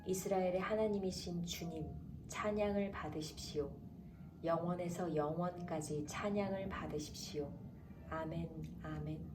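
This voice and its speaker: A woman announcer reading the Bible aloud in a calm, measured way, slowing down for the chapter headings. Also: fairly low pitch. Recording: roomy echo, distant from mic, faint background noise.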